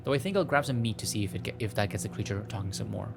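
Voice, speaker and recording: Very fast and creaky, a low-pitched man reads a visual novel aloud as host of a gameplay video. Music sits behind his voice as he pokes fun at himself and stumbles over the words.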